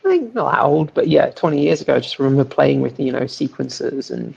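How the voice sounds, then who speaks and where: Male panelist, heavy vocal fry, husky, muffled call sound. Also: mid-range voice, expressive, a little fast, a little mellow. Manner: musing, conversational. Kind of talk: casual chat.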